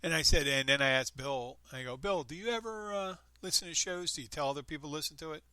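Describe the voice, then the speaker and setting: A man's voice: on the high side, fast talker, bright, forceful tone, clean tone, dry recording. A man in his fifties hosting a podcast, chatting casually and rambling with frequent restarts. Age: 50s. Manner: rambling, upbeat, self-interrupting. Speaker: podcast host. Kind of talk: casual chat.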